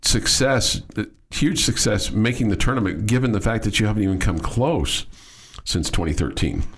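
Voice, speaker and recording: A man hosting a casual sports radio show, talking in a halting way and repeating words as he goes. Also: on the low side, fairly bright tone, a little hiss or hum.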